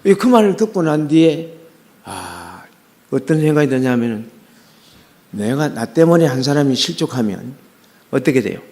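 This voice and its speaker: A man's voice: mid-range voice, very animated, normal speed, pauses often, darkish tone. A middle-aged man, a pastor, preaching a sermon as personal testimony, talking earnestly with many fillers and restarts.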